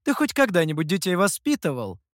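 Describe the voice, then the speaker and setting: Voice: mid-range voice, sing-song, fairly quick, no room sound, clean studio sound, close to an everyday voice. A reader voicing a sly, teasing female fox demoness in an audiobook, speaking in a mocking, playful way. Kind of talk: audiobook character voice.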